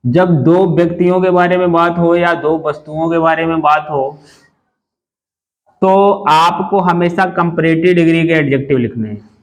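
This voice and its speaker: A man teaching an English grammar lesson to a class. He explains slowly, spells words out letter by letter and often asks the class questions. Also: on the high side, fairly even intonation, poor audio.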